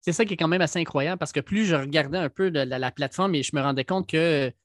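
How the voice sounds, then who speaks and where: A man's voice: a little high, fast, dry recording. A man with a Québécois French accent hosting a casual podcast interview, talking with frequent hesitations. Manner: hesitant, many fillers. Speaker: podcast host.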